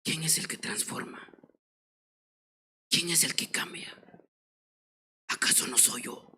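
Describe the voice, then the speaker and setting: A man voicing God as a low, distant whisper asking questions. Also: takes it slowly, bright, forceful tone, a little hiss or hum, heavily acted. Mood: solemn.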